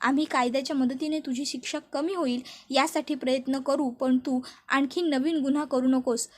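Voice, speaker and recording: A woman reading the lines of a man urgently pleading with a captor, in her own high voice. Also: fairly even intonation, moderate pace, natural voice.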